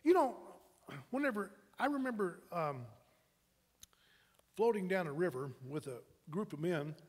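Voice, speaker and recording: A man's voice: sits high, animated, measured pace, darkish tone, husky. A male pastor preaching a sermon in a church, talking in a conversational, anecdotal way with frequent restarts. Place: church sanctuary. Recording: long hall reverb.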